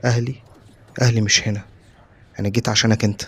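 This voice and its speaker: A man voicing an eerie little boy who is not human, speaking softly with an Egyptian accent. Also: lowish voice, rapid-fire, breathy edge. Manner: soft and calm.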